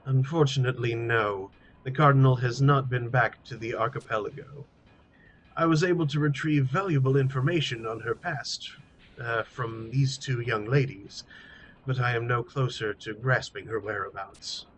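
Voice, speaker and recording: A man's voice: medium pitch, moderate pace, slight background noise, lightly acted, low-quality recording. A man voicing a courteous, melancholy knight adventurer in a formal way. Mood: grave.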